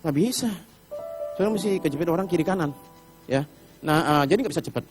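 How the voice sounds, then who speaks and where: Middle-aged male preacher, high and expressive, animated storyteller. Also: fast talker, over music. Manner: animated storytelling, acts out Bible characters with shouted pleas. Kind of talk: sermon. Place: church hall.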